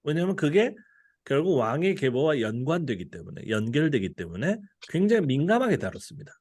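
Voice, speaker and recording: A man's voice: a little high, sing-song, brisk, darkish tone. A man giving a casual, conversational Bible study lecture, laughing often and letting his voice drop at the ends of phrases.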